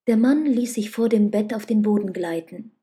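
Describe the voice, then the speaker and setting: A woman reading a novel aloud as calm, slow audiobook narration, at times dropping to a whisper. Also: medium pitch.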